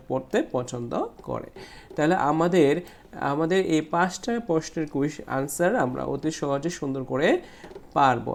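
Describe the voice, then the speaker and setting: A man, teaching a class 5 English lesson and slowly repeating words syllable by syllable. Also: a little high, a little mellow. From Bangladesh. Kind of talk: explaining a class 5 English textbook.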